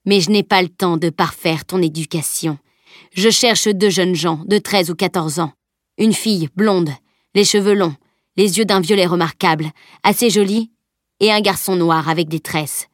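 A woman reading an audiobook voices a cold, menacing man who speaks slowly and low. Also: dry recording, clean studio sound, lightly acted.

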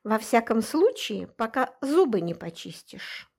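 A woman's voice: a little high, big pitch swings, unhurried, gravelly, darkish tone, slightly rough, heavily acted. A woman doing a teasing young witch hunter. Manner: mocking, playful drawl.

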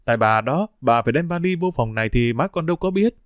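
A man's voice: mid-range voice, animated, fast talker, no echo, highs cut off, close to an everyday voice. A man voicing a playful, teasing young daughter with a raised voice.

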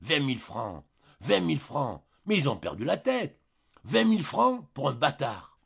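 A man voicing an indignant, greedy young husband who shouts in outrage, in a slightly dull recording. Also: medium pitch, big pitch swings, measured pace, creaky, slightly rough, pitched above the performer's own voice, exaggerated voice. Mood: furious.

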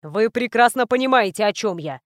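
A woman reading the lines of a cold, stern male bodyguard in a clipped, flat manner. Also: on the high side, normal speed, dry recording, clean studio sound, lightly acted.

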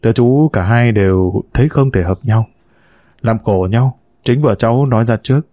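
A glib, scheming husband from a spoken story, read out by a male narrator in his own steady voice. He talks smoothly and persuasively, always trying to win people over. The sound is dry and close, with no room around it. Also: medium pitch, moderate pace, no echo, close to an everyday voice. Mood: wheedling. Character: smooth-talking scheming husband, a con man.

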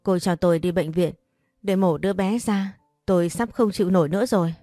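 A woman's voice: fairly low pitch, fairly even intonation, fairly quick, warm tone, dry recording, clean studio sound, faint music behind, lightly acted. A woman voicing a selfish, cold young woman who speaks curtly and complains in an audio story. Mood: complaining.

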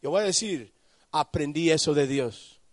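A man preaching a sermon at a youth conference, asking listeners questions by name and swinging from quiet low warnings to high shouted pleas. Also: measured pace, no echo, studio quality. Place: conference hall.

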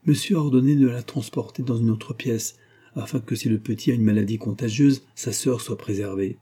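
A man's voice: mid-range voice, a little fast, breathy edge, lightly acted. A man reading a cold, stubborn old nursemaid. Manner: calm, cold, unbending replies.

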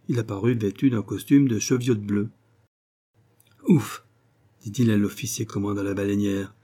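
A man reading an adventure novel aloud as an audiobook narrator, in a measured, steady storytelling manner. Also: lowish voice, husky.

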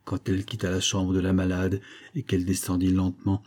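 Low, husky male narrator. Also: completely flat delivery, a little fast, a little mellow. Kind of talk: scripted narration of a novel.

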